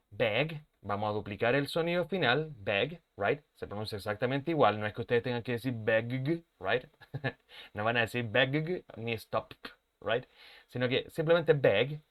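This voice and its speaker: A native Spanish-speaking man teaches a live online English lesson, explaining with English mixed in and slowly repeating example words. His voice is medium in pitch and a bit bright.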